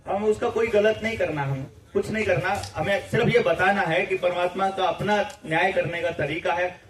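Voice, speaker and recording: A man leading a campaign, speaking informally to a gathering, emphatic and repetitive, firing off rhetorical questions. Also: sits high. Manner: emphatic, repeats phrases, rising rhetorical questions. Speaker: campaign leader addressing supporters. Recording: echoey room, voice from far off.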